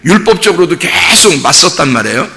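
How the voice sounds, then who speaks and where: A man preaching a sermon as pastor, telling a story with animated voices for each figure. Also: fairly high pitch, fast talker. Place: church sanctuary. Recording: long hall reverb.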